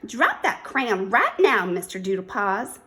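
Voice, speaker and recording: A woman's voice: on the high side, very animated, unhurried, pushed and bright, exaggerated voice. A woman voicing a strict mother cat from a storybook, scolding and coaxing with firm, emphatic commands.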